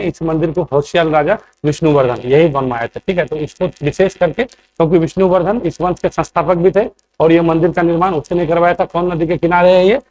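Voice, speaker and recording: Male coaching teacher, slightly high voice, lectures with a steady question-and-answer rhythm. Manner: asks quiz questions and answers them, keeps checking in. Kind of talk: classroom lecture.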